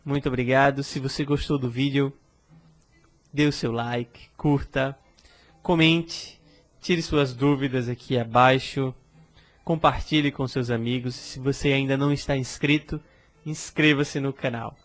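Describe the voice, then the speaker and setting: A man's voice: mid-range voice, fairly even intonation, a little slow. A man teaching French pronunciation in a casual video lesson, explaining patiently and checking in with the viewer, with a Brazilian Portuguese accent. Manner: friendly, explanatory, frequent tag questions.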